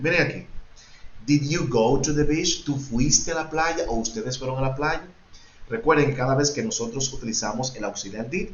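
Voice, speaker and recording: A man's voice: medium pitch, a little hiss or hum. A male English teacher explaining grammar to his students, switching between Spanish explanations and English examples and repeating points for emphasis. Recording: echoey, dull lo-fi room recording.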